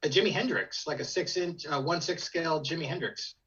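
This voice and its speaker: A man's voice: fairly high pitch, fairly quick, fairly bright tone. A man from California chatting casually as a co-host on a slightly muffled, lo-fi microphone. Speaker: co-host of a collectibles talk stream. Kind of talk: casual group chat.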